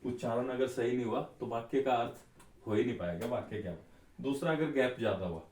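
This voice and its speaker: A man teaching an Ayurveda class, explaining slowly and repeating the key terms. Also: medium pitch, a little mellow, recorded from a distance. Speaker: Ayurveda tutor. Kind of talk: classroom lecture. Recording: echoey room, voice off-mic.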